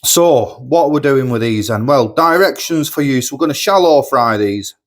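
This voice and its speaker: A chatty man reviewing grocery store food at home talks at a normal speed with lively intonation and a medium-pitched voice. He's sniffly from an oncoming cold, rambles in his kitchen vlog, and tends to say things twice.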